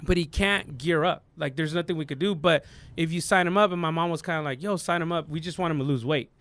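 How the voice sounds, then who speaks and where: A young man from Southern California chats as a podcast guest, rambling easily through his story with plenty of fillers and slang. His voice is bright and clean. It sits close to the mic in a dry, dead room. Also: on the high side, fast talker, no room sound. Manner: laid-back, rambling, lots of fillers and slang. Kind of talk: casual storytelling chat.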